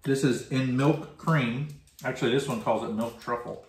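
A man's voice: medium pitch, normal speed. A man co-hosting a casual snack review at home, chatting easily and reading package descriptions aloud. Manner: relaxed, reads package text aloud. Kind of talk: casual snack-tasting chat. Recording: echoey room, faint noise.

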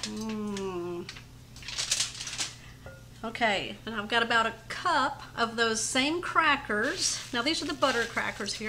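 There's background noise as a middle-aged woman with a fairly high pitch talks viewers through a casserole, one step at a time. She hosts a home cooking channel and films casually in her own kitchen.

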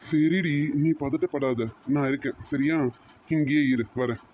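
A performer voicing a teasing but protective young man who calms his girlfriend, in an amateur audio romance story. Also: medium pitch, moderate pace, dull audio, close to an everyday voice. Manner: teasing, reassuring.

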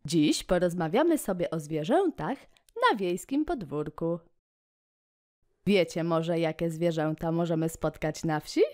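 A woman hosting a children's educational video, speaking slowly and encouragingly in a sing-song way. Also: fairly low pitch, animated, dark tone.

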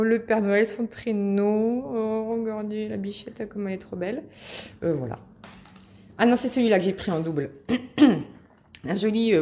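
A woman's voice: mid-range voice, mellow. A woman chatting casually as she shows off her craft purchases, hesitant and full of fillers, gushing over cute items. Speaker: craft vlogger. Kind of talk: casual show-and-tell haul.

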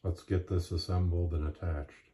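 A man giving a matter-of-fact, measured instructional narration as a presenter demonstrating gear. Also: low-pitched, little pitch movement, background noise.

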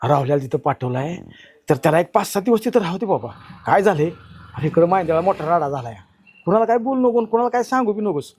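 A man's voice: sits high, darkish tone, breathy edge, no echo, heavily acted. A man playing a stubborn village father who insists and brushes off accusations in a short film. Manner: insistent, dismissive. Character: stubborn rural father denying his son's guilt.

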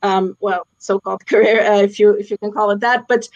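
Speaking fairly quickly in a medium-pitched, darkish voice with fairly even intonation, an Austrian-born sports executive raised in Switzerland joins as an alumna guest. The middle-aged woman is casual and thoughtful, using lots of fillers. She calls in via laptop webcam from a small plain-walled room, the audio a bit dull.

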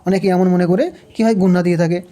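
Woman, Quran recitation teacher, mellow warm voice, patient repetitive drilling, asks questions. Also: fairly low pitch, steady tone, very fast. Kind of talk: tajweed lesson, spelling out and reciting verses. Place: home recording, unseen.

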